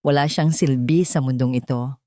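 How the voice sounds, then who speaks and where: A woman's voice: rumbling low, steady tone, moderate pace, mellow, dry recording, studio quality, pitched below the performer's own voice. A woman voicing a cold, cruel female hospital official.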